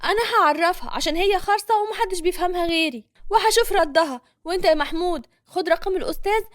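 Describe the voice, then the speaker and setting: A woman's voice: very high-pitched, fast talker, no room sound, studio quality, pitched above the performer's own voice. A woman with an Egyptian accent voicing a hot-tempered, loyal young woman who talks sharply and scolds. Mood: fiery.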